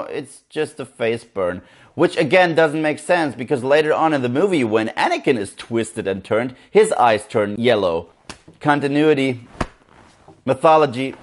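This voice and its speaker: A young man talks through a film in a loose, casual review. His tone is sarcastic and blunt, with plenty of swearing. His voice sits at an ordinary middle pitch. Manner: sarcastic, profane, animated asides. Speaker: movie reviewer. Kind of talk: casual spoken movie review.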